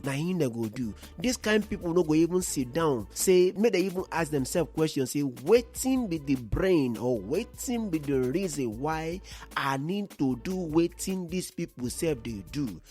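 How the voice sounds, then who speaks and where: A man's voice: fairly high pitch, a little mellow, breathy edge. A man with a Nigerian accent hosting a podcast in a conversational monologue, speaking Nigerian Pidgin. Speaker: podcast host.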